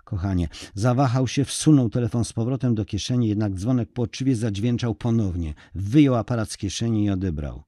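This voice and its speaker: A man reading a story aloud in a calm, measured way. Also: on the low side, no echo, studio quality. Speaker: narrator.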